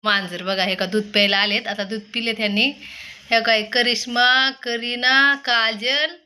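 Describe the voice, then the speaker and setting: A woman's voice: a little high, steady tone, normal speed, pushed and bright. A woman vlogging casually at home, coaxing animals over with repeated calls.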